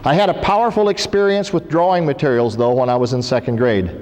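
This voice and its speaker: A man's voice: medium pitch, steady tone, quick pace, a little mellow. A middle-aged man gives a conversational talk as a guest speaker to a school audience, asking them questions. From Iowa, USA. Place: school hall. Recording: reverberant 1990s hall recording with faint hiss.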